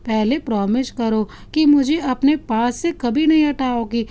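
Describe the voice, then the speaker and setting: A woman's voice: a little high, unhurried, dark tone, natural voice. A woman voicing a loving, playful young husband who teases his wife affectionately, in a storybook reading. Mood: teasing. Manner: teasing, affectionate.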